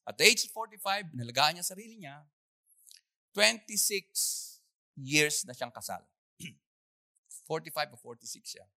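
A preacher telling a story in a sermon, acting out the scenes with animation and clearing the throat often. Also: medium pitch, very animated, measured pace, long pauses, sharp tone, no echo, studio quality.

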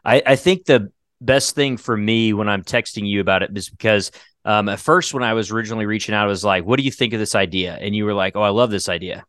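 A man with a lowish voice, recorded close and dry, hosts a podcast chat. He rambles with plenty of "um" and "uh," circling back on himself. He talks with a slight lilt. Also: fast talker, a bit bright, no echo. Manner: rambling, lots of fillers and restarts. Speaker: podcast host and writer. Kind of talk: casual chat.

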